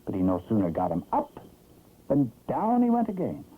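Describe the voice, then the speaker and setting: A narrator telling a children's story in an expressive, theatrical vintage 1960s cartoon style. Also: medium pitch, moderate pace, slightly rough. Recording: old tinny, noisy cartoon soundtrack.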